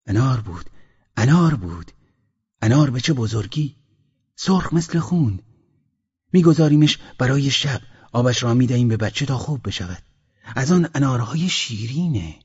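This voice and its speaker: A man's voice: medium pitch, lively intonation, a little mellow, husky, pitched above the performer's own voice. A man voicing a poor village father who talks in a raised, urgent voice. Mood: eager. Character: poor village father, hopeful then bitter. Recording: dull lo-fi audiobook recording.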